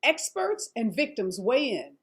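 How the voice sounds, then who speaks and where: A woman's voice: fairly high pitch, big pitch swings, a little slow. An American woman hosting a news-style talk show, presenting reports and questioning guests. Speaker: host. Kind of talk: scripted news-style narration and panel hosting.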